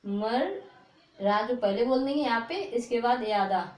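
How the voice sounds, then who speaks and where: A woman teaching a reading lesson, stretching out each word slowly and checking in with "okay" after each one. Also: a little high, lively intonation. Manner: slow, drawn-out repetition of words, frequent "ok" checks. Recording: echoey room.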